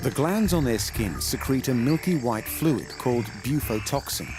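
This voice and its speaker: Man narrating a nature documentary, lively intonation. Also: medium pitch, normal speed. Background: background music.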